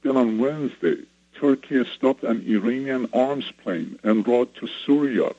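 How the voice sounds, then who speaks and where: A man from Iran, a radio show guest whose voice runs through a voice changer to hide who he is, giving a steady report-like briefing. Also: mid-range voice, measured pace, dry recording. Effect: voice changer disguising his voice. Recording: dull lo-fi radio broadcast.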